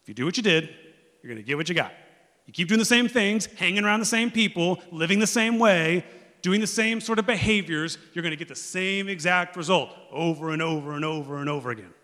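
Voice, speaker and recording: A man preaching a sermon as pastor, conversational and earnest, swinging between loud emphasis and hushed pleas. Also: sits high, animated, a little fast, big-room sound.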